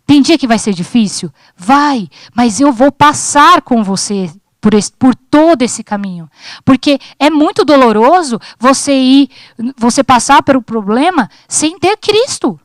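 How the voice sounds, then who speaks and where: A woman's voice: high voice, lively intonation, unhurried, dry recording. A woman in her thirties giving an informal sermon at a church service, chatty and joking, acting out her own talks with God. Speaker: preacher at a church youth service.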